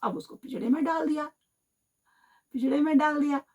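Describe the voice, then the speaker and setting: Lively woman telling a children's story. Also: high-pitched, brisk. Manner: animated, addresses children directly. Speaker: teacher, storyteller. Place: radio studio.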